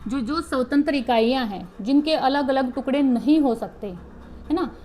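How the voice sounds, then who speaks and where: Higher-voiced woman teaching a lecture. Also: measured pace, a little mellow, a little hiss or hum, poor audio. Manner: explanatory, asks and answers own questions; mixes English terms into speech. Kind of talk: exam-prep lecture.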